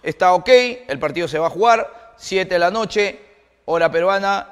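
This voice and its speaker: A Peruvian man with a fairly high voice argues on a sports panel. He is sarcastic and defensive, with drawn-out phrasing. The sound trails off into a long reverb. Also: clean tone. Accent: Peruvian Spanish. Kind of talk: heated studio debate.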